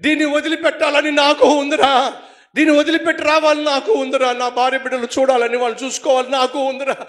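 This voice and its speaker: Trapped man yelling for help from the river, high and strained, voiced by a male preacher. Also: level tone, fast. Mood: desperate shouting. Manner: shouting desperately from the water. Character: desperate man gripped by a crocodile.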